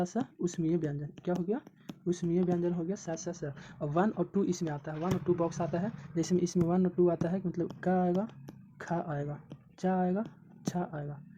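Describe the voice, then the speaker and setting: Woman teacher, low and warm, repetitive drilling delivery; dull lo-fi recording. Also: a little hiss or hum. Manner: repetitive, drills syllables aloud. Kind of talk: exam coaching lesson.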